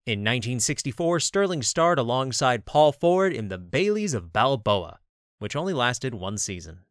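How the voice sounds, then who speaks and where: A man narrates a documentary script with a very lively, rising and falling delivery. His voice sits at an ordinary pitch and sounds close and dry, with no room around it. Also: moderate pace, no echo.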